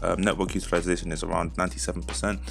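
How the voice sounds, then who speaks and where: Low-pitched crypto bro man, rambling casually. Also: level tone, rapid-fire, vocal fry, soft background music. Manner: informal crypto bro talk, addressing viewers as "you guys"; rambling, often repeats words and corrects himself. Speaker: host of a crypto news video channel. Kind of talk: casual video commentary on crypto news.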